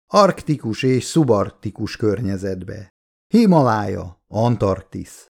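A man voicing a calm, dry-witted young woman who guides scientists on the ice, explaining things patiently and matter-of-factly in an audiobook. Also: on the low side, creaky, full character voice. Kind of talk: audiobook character voice.

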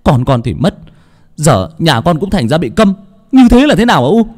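A male narrator voicing a young husband who confronts his mother, his voice climbing sharply as he shouts. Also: fairly high pitch, big pitch swings, moderate pace, long reverb tail, pitched above the performer's own voice. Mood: furious. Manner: pleading, rising to shouting. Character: young husband, anguished and furious.

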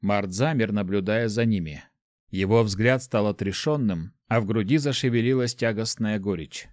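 Calm male audiobook narrator. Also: lowish voice, no echo, studio quality. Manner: calm, measured reading.

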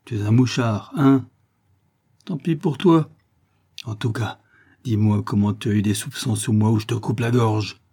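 Guy reading doing a big mean fisherman, gruff, snarls threats, husky and dark. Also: on the low side, measured pace, pauses often. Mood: threatening. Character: brutal giant male fisherman, menacing. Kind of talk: audiobook reading.

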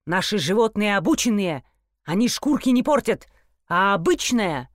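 A woman's voice: medium pitch, sing-song, normal speed, no room sound, studio quality, close to an everyday voice. A woman doing a snappish, oily fur-shop boss. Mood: snapping. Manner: snapping, then oily and cooing. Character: fussy scheming Greek male fur-shop owner.

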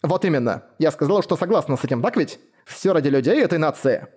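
A man voicing a proud, fiery young woman warlord who scolds and shouts insults. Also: on the high side, animated, quick pace, slightly rough. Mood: cold, stern. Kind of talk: audiobook character voice.

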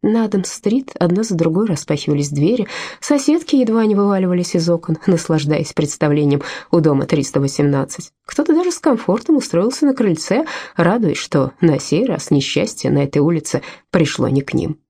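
A woman narrating an audiobook in a measured storytelling manner. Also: lowish voice, big pitch swings, warm tone, breathy edge. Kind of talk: scripted narration.

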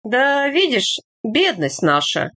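A woman's voice: mid-range voice, unhurried, a bit bright, close to an everyday voice. A woman voicing an earnest, plainspoken young village man in a read-aloud story, without much change to her own voice.

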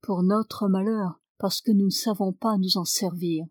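Brief: calm wise nobleman, low and gentle, woman reader. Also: unhurried, no echo, natural voice. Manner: soft, gentle delivery.

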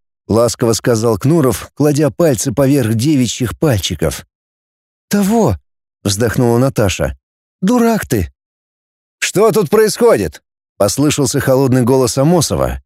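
A man narrating a novel as an audiobook, expressive and voicing each character. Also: medium pitch, no room sound, studio quality.

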